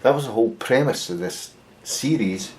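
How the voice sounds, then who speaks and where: A Scottish man working through a casual workshop tutorial as a bass luthier, muttering wry jokes and swearing casually. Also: expressive, normal speed, a little mellow, slight background noise. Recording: echoey room.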